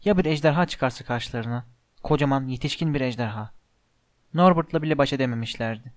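A man's voice: medium pitch, fast talker, dry recording. Man narrating an audiobook, dry close sound. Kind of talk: storybook narration.

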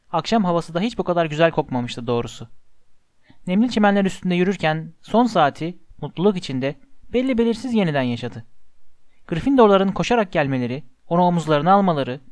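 A man narrating an audiobook in an expressive, measured storytelling manner. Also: a little high, dry recording.

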